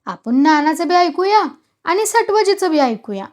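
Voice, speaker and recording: Old village priest, peacemaker, calling out high and clear, woman doing the voice. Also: very animated, measured pace, exaggerated voice. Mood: appeasing. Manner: calling out, appealing.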